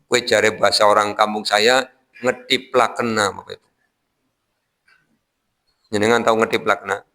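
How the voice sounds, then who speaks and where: A man's voice: lowish voice, little pitch movement, normal speed, sharp tone. A man with a Javanese accent giving a morning Quran commentary as a preacher, explaining Arabic verses phrase by phrase with homely jokes and speaking straight to the congregation. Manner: addresses the congregation directly. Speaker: Islamic preacher.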